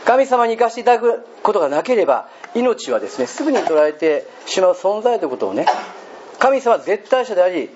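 A pastor preaches a sermon in a church hall with a high-pitched, sing-song, brisk voice. He's chatty and joking, often turning to the congregation with questions. The recording is dull and lo-fi with a faint hiss.

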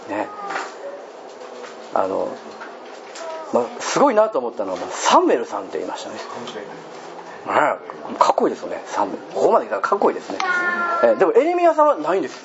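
A man's voice: a little high, huge pitch swings, fast, creaky, long pauses. A man preaching a sermon as pastor, chatty and joking, often turning to the congregation with questions. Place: church hall. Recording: dull lo-fi recording with faint hiss.

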